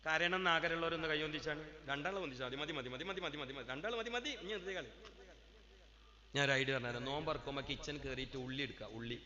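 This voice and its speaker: A man preaching at a madrasa gathering, moving between chatty asides and loud, drawn-out chanted declamation. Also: a little high, expressive. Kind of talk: Islamic sermon. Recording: dull lo-fi sound with long hall reverb.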